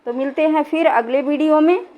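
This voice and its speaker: High-voiced woman teaching Hindi grammar. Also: fairly quick, dark tone. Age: middle-aged. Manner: repetitive, checks understanding with "है ना". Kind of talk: classroom-style explanation.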